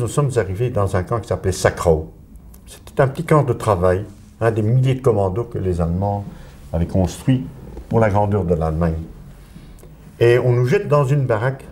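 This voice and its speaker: A man's voice: mid-range voice, darkish tone, slight background noise. A man in his eighties with a Belgian French accent, giving his testimony as a survivor and telling it vividly to young listeners. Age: 80s. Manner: vivid storytelling, acting out quoted voices. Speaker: Holocaust survivor witness.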